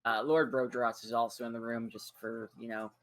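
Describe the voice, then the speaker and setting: A man's voice: mid-range voice, little pitch movement, normal speed. A man narrating as game master, describing scenes casually with frequent fillers.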